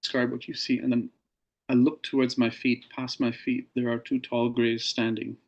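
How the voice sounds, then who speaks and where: A man as an interview guest, recounting a personal experience in a measured, earnest way with pauses. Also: mid-range voice, level tone, darkish tone, highs cut off.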